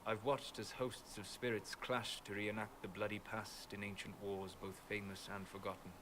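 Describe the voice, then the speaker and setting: An actor playing a calm, scholarly mage in a video game, speaking in a measured, wistful, formal way like a guide to dreams. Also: male voice, fairly low pitch, background noise, lightly acted. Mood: wry, reflective. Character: calm, scholarly apostate mage, a male dreamer of ancient memories.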